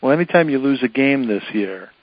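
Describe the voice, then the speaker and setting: A man hosts a casual podcast interview, chatty and quick to joke. The sound is dry and close, with a slightly dull top end. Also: mid-range voice, lively intonation, slightly rough, no room sound. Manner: chatty, joking, laughs often. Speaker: podcast host.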